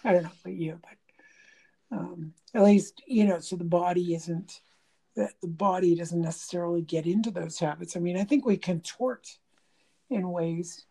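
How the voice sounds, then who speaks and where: A woman co-hosting a podcast in casual chat, talking haltingly with many fillers and restarts. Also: fairly low pitch, gravelly, mellow, breathy edge. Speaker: podcast co-host. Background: pet bird chirping.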